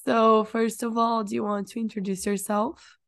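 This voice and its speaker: A woman hosting a podcast, chatting in a relaxed way and asking her guest friendly, open questions. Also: fairly high pitch, moderate pace, creaky. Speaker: podcast host. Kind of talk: casual podcast interview.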